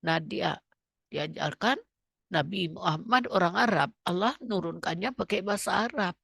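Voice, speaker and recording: A woman's voice: lowish voice, animated, normal speed, gravelly, fairly bright tone, husky, no room sound, clean studio sound. A middle-aged woman from Indonesia teaching a religious study group in a conversational preaching style, often checking in with tag questions and interjections. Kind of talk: Islamic study-group sermon.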